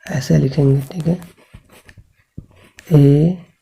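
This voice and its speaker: A man's voice: a little high, steady tone, slow, gravelly, dark tone, slightly rough, low-quality recording. A man teaching an English grammar lesson to school students. He patiently spells out sounds, keeps checking in with the class, and asks questions that he then answers himself.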